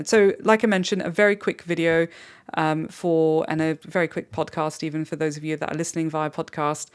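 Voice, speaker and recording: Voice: mid-range voice, clean tone. A fantasy football channel host rambling off the cuff, thinking aloud and talking straight to listeners in a solo podcast.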